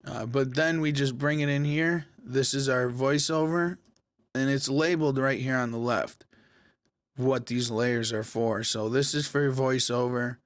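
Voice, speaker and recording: A man hosting a casual software tutorial, talking viewers through each step in a relaxed, conversational way. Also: medium pitch, a little slow, no echo, studio quality. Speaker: tech tutorial host. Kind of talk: screen-recorded software tutorial.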